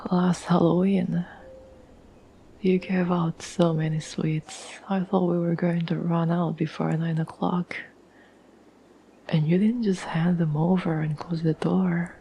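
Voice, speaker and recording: A woman voices a gentle, loving girlfriend reassuring a troubled partner in an ASMR audio roleplay, her mood fond and gently amused. Her whispery, breathy murmur stays slightly low and very even, unhurried and halting with reflective pauses. The recording is low quality, with faint background noise.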